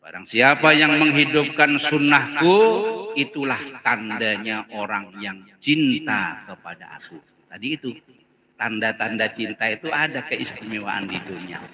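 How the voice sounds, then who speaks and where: Speaking with a Banjar Indonesian accent, a man with a lowish voice delivers a humorous sermon at a religious gathering at a measured pace. He tells joke-filled stories, often laughing as he acts out the voices, and the low-quality recording picks up the live crowd.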